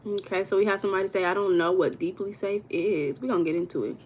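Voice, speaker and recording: A woman's voice: medium pitch, fairly even intonation, fast, darkish tone, a little hiss or hum. American woman, livestream host, casual and chatty, talks straight to her viewers. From United States. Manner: chatty, addresses viewers as y'all, reads comments aloud.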